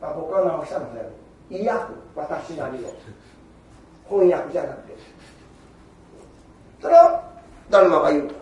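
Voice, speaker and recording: An older man with a giving a Buddhist sermon in an animated storytelling manner, acting out quoted exchanges. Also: a little high, measured pace, long pauses. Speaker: Buddhist preacher. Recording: echoey hall from far off.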